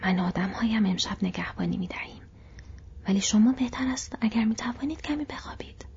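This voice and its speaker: A woman's voice: mid-range voice, creaky, darkish tone, husky, highs cut off. A woman whispering as a fretful fat male innkeeper. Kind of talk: whispered role-play.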